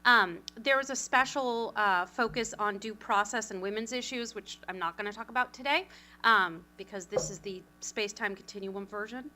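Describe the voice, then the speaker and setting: A woman giving a conference presentation as a communications consultant, talking quickly with lively, self-deprecating asides. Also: mid-range voice. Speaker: communications consultant, panel speaker.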